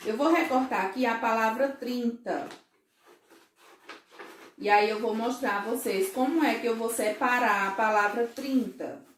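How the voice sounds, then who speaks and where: A woman teaching a first-grade class, explaining slowly and patiently, often checking that the children follow. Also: on the high side, echoey room, a little hiss or hum. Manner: slow, patient, syllable-by-syllable explaining; frequent checking questions to pupils. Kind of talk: recorded remote class for children.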